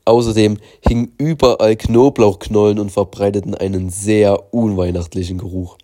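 A man narrating a children's storybook in a calm, measured reading voice. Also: fairly low pitch. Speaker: audiobook narrator.

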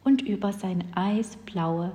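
A woman narrating a children's story in a calm, unhurried storytelling manner. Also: mid-range voice. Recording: long hall reverb.

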